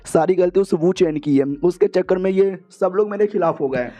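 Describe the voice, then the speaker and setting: A man voicing a jealous, indignant young male hero who shouts accusations in a recap narration. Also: high voice, moderate pace, natural voice. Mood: outraged.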